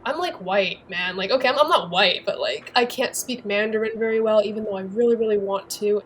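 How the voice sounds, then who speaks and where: A young American woman speaks casually in a documentary interview, her medium-pitched voice moving briskly and filled with frequent "like"s. There is slight background noise.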